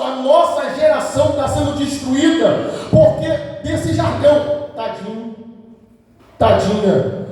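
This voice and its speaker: High-voiced pastor preaching in an echoey hall. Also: male voice, warm tone, distant mic. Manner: emphatic preaching, repeating phrases for effect. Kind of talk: sermon.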